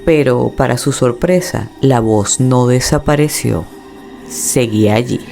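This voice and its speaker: Creaky-voiced man narrating a horror tale. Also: mid-range voice, dark tone, faint music behind. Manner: dramatic, measured storytelling. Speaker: storyteller.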